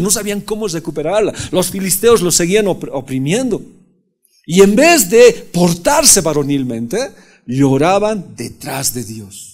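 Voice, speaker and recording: High-voiced male pastor preaching. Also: a little mellow. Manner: conversational preaching with frequent rhetorical questions. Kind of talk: sermon.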